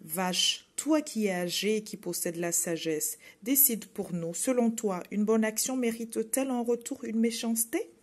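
A frightened little boy from a children's tale, begging for his life, as a woman puts him on. The voice is lifted higher than the narration and slightly husky. He speaks urgently and pleadingly. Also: moderate pace, hardly any pauses, close to an everyday voice.

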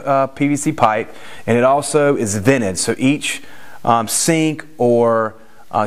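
A man in his forties, a general contractor, casually explaining work on site in an unfinished house, with frequent restarts and fillers. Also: medium pitch. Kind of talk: on-site construction walkthrough. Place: unfinished house interior with bare stud walls.

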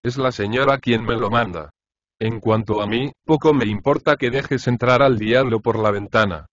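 A man's voice: medium pitch, moderate pace, fairly bright tone, a little hiss or hum, natural voice. A grumpy, sleepy husband, as a man reads him. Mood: grumbling. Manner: grumbling and irritated. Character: grumpy, sleepy middle-aged husband, a prosecutor. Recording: dry, slightly dull audiobook recording.

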